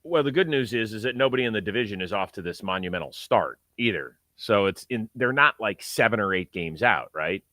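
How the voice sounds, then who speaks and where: A man hosts a sports talk show in a lowish, bright and forceful voice. His commentary is conversational and punchy, recorded close and dry. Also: expressive, fairly quick, few pauses, no echo.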